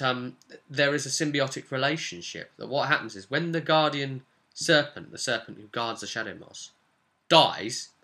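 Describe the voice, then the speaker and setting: Here a game master tells the story of his tabletop role-playing campaign so far, in a relaxed recap aimed at the camera. His mid-range voice sounds bright and pushed, with emphasis on important words and a habit of wandering into offhand asides.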